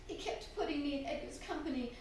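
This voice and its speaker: Performing live on stage in a radio drama, an actress voices an unhappily married young widow who stays cool until cornered, then turns distressed and pleading. Her voice sits high, slightly mellow and close to how she'd normally talk, with emphatic lines and dramatic pauses. Captured by a distant mic in a very echoey hall, with faint noise.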